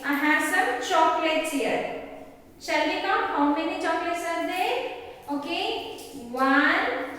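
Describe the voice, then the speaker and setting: A woman's voice: very high-pitched, bright, forceful tone. A woman kindergarten teacher giving a lesson to young children as if teaching a child to count, with simple, repeated questions and phrases. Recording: echoey hall, far from mic.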